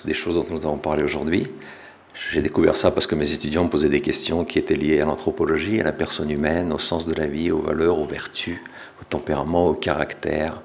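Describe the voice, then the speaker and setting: A middle-aged French man, an author, giving a relaxed public talk with small self-corrections. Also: very deep voice, creaky, a little hiss or hum. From France. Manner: relaxed, self-deprecating, with restarts. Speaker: author and speaker.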